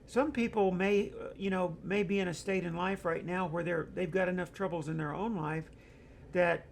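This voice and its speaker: Middle-aged male host, slightly high voice with heavy vocal fry, loose anecdotal chat, faint noise. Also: fairly even intonation, normal speed. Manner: rambling, anecdotal, many fillers. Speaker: host of an online discussion show. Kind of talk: casual talk reading viewer comments.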